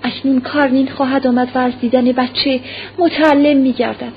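Brief: dying young noblewoman, feverish and pleading, read by a woman, raised pitch, dull recording with light hiss. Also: steady tone, natural voice. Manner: urgent, breathless pleading. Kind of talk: audiobook character reading. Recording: muffled lo-fi recording, faint hiss.

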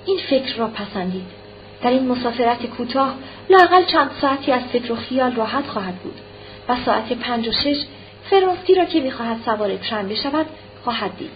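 A woman narrating an audiobook of a classic novel in a steady, measured way. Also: fairly high pitch, muffled recording, a little hiss or hum.

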